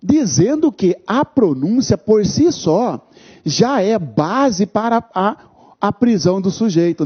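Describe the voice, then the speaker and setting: A man's voice: high-pitched, husky. A man teaching an exam-prep law lecture, stressing key terms by repeating them and often checking in with his listeners. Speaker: law instructor. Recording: dull lo-fi lecture recording.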